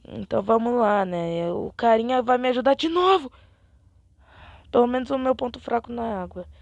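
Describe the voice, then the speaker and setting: A young woman chatting excitedly to viewers as she plays a game, sometimes dropping into a whisper. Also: fairly high pitch, normal speed, vocal fry, dry recording, muffled recording. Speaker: gaming channel host. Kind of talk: casual gameplay commentary.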